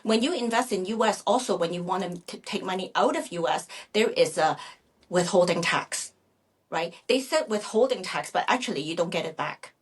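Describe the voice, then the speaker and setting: Speaking as a real estate agent guest, a middle-aged woman from Vancouver, Canada, raised there as a native Chinese speaker, answers interview questions conversationally, pausing and correcting herself. Her voice is lowish, expressive, and husky.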